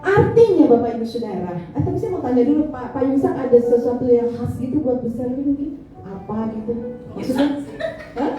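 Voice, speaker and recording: A middle-aged woman preaching to her congregation keeps things playful and chatty, poking fun at them. Her high-pitched voice is expressive, brisk, and warm. The sound is dull and echoey, captured by a distant mic in a large church hall with music playing.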